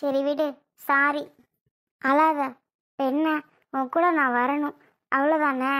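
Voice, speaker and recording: A woman's voice: high voice, level tone, fairly bright tone. A woman playing a young married woman, a younger sister who scolds and coaxes her brother in a family comedy skit. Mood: coaxing scolding. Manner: scolding yet coaxing, quick to snap.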